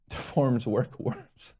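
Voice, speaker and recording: With a warm tone, this family physician in his thirties, a native Spanish speaker, answers questions to camera in a casual, rambling way full of restarts and chuckles. The recording is studio quality without echo.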